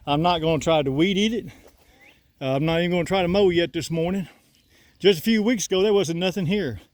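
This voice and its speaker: A man's voice: sits high, a little fast, dry recording. An older man with a Southern drawl, chatting in a folksy, rambling way as he walks through his garden with a phone on a selfie stick. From Southern United States. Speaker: homesteader filming his garden. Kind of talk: casual walkthrough vlog. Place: outdoors in a rural garden.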